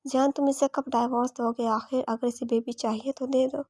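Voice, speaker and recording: A woman's voice: high voice, little pitch movement, moderate pace, darkish tone, dry recording. Narrator lady doing lovesick jealous girl, storybook romance, dry close sound. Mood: impatient. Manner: read plainly in the narrator's voice. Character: lovesick young woman, jealous and tearful.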